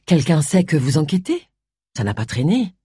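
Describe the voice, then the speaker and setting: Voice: mid-range voice, very animated, normal speed, warm tone, breathy edge, dry recording, clean studio sound. A narrator voicing a worried, talkative vicar's wife in an audiobook. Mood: anxious. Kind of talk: audiobook character reading.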